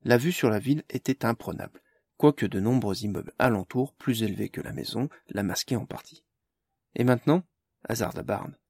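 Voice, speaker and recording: A male narrator reads a story aloud at an even, measured pace. His voice is gravelly and husky, and the recording is dry and close. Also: on the low side, no room sound. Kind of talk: audiobook narration.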